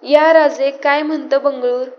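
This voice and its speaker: A woman's voice: high voice, fairly even intonation, a little slow. A woman reading the part of a genial, courteous older nobleman in an audiobook. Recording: slightly muffled lo-fi audiobook audio.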